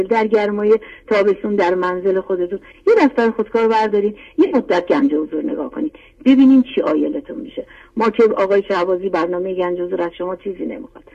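A woman's voice: medium pitch, dark tone. A middle-aged woman calling in, giving an earnest, heartfelt testimony and urging listeners on. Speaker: caller. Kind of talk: call-in testimony. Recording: dull lo-fi phone line.

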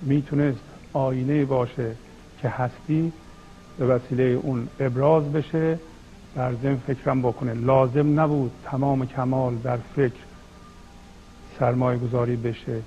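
A man teaching spiritual lessons, who recites verses of mystical poetry and then explains them line by line in a slow, measured way. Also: medium pitch, fairly even intonation, mellow, muffled recording.

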